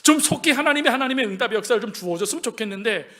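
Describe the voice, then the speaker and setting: A man delivers a Sunday sermon in a high voice that leaps widely in pitch. He moves between ringing declarations and hushed, whispered lines, acting out quoted speakers and putting questions to the congregation. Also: expressive, racing. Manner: swings between loud proclamation and hushed near-whisper. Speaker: pastor.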